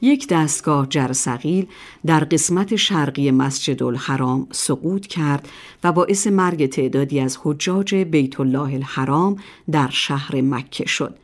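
A woman reads a scripted history calendar in a very low register, formal and measured. Her delivery is even and deliberate throughout. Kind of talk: scripted narration.

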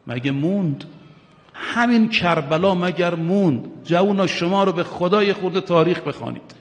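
Male preacher with a fairly high voice, delivering an impassioned sermon that swings from hushed to loud, recorded with long reverb in a large hall. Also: animated. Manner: addresses listeners directly, urging and questioning. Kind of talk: religious sermon.

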